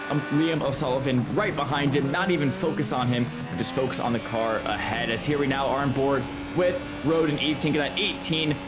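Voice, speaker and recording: A man's voice: mid-range voice, a little fast, few pauses. A man giving live motorsport commentary, analysing the race in an emphatic, opinionated way.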